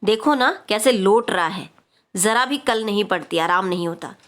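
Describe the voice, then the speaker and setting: A woman's voice: medium pitch, normal speed, a bit bright, lightly acted. A fussing, anxious mother of a sick boy, read aloud by a woman teacher. She frets over him in a simple reading voice. It is classroom play-reading with no strong character voice. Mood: fretful.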